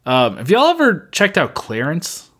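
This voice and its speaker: A man's voice: on the high side, wildly swooping pitch, measured pace, fairly bright tone. A man co-hosting a podcast in casual chat, rambling with many fillers and restarts. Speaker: podcast co-host.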